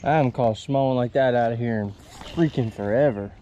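A man's voice: medium pitch, quick pace, mellow, highs cut off, a little hiss or hum. A young man chatting casually to the camera as he fishes from a kayak on a creek, talking to the fish and using mild exclamations. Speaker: fishing vlogger. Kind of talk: casual running commentary. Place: small kayak on a wooded creek outdoors. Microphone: chest-mounted action camera.

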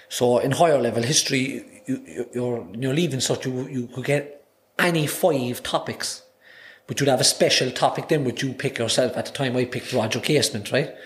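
A Cork-accented Irishman in his thirties, a singer-songwriter guesting on a podcast, chats casually with a mid-range voice. He rambles through his stories, restarting often and repeating words. The setting is a small indoor podcast studio, with a desk mic on a boom arm.

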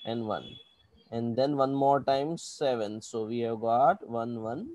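A man's voice: medium pitch, measured pace, darkish tone, dry recording, lo-fi sound. A man with an Indian accent teaching an online maths lesson step by step, often checking understanding with short questions. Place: indoors, online video class.

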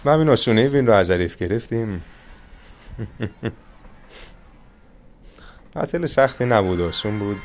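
A young man commentating his own mobile game match, calmly coaching viewers through each move. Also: lowish voice, hardly any pauses. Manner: coaching viewers, calm reassurance. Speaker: gaming channel host. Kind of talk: live gameplay commentary with tips.

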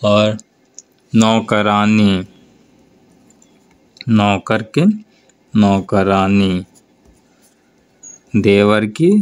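A man teaching a grammar lesson for board exams, explaining slowly and over and over telling students to look and answer. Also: on the low side. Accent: North Indian Hindi. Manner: slow, drawn-out explanation with repeated prompts to look.

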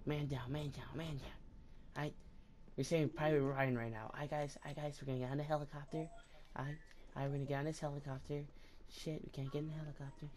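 A man joking his way through a shooter match, crude and repetitive. He loops the same phrases and suddenly gets loud and excited. A faint hum sits under his voice. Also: a little high, fast talker. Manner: crude, jokey, repeats himself, bursts of loud excitement. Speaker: gameplay video maker. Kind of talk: casual gameplay commentary.

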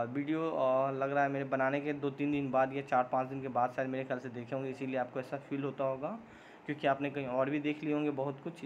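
Answering viewer questions for his job-update channel, a man rambles casually, restarting often, using plenty of filler sounds, and slipping in English words; he admits he sometimes goes too fast. His voice is mid-range, the highs are cut off, and there's slight background noise.

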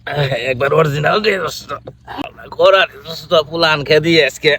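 A man's voice: fairly high pitch, brisk, fairly bright tone. A man playing a drunk, chummy village drinking buddy who rambles through a comedy skit. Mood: boozy, chummy.

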